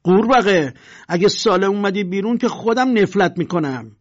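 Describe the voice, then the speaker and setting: Man playing a loud swaggering street bully, raised pitch, raspy, muffled lo-fi sound. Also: expressive. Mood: threatening. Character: arrogant male neighbourhood tough guy. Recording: dull lo-fi recording.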